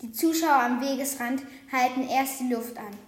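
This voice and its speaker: A woman reading a children's picture book aloud with lively, expressive storytelling. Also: high-pitched, normal speed. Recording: roomy echo.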